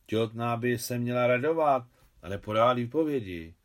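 A man's voice: mid-range voice, animated, close to an everyday voice. A man reading an audiobook, voicing a good-natured, tired middle-aged professor who is easily puzzled.

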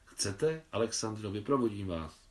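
A man's voice: on the low side, sing-song. A man reading a novel aloud, voicing a young man who speaks in a teasing, challenging way.

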